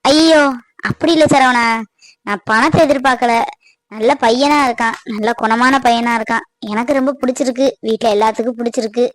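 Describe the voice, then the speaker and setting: A woman plays a worried middle-aged village mother in a cartoon, speaking. Her voice sits high and her pleas come earnest and tearful. The recording is close and bone-dry. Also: steady tone, a little fast, no echo, natural voice. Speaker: voice actor. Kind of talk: cartoon voice acting.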